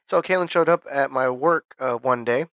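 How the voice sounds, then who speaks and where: A young man co-hosting a casual podcast, talking in a relaxed way with many fillers and laughs. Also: mid-range voice, clean tone, no echo. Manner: easygoing, filler-heavy, laughs often. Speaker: podcast co-host. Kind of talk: casual chat.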